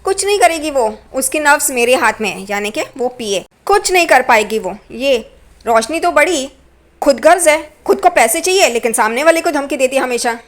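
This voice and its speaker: A woman's voice: high-pitched, animated, normal speed. A woman reading out the lines of a scheming male gangster in a retold TV serial, in a taunting, scolding way. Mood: scornful.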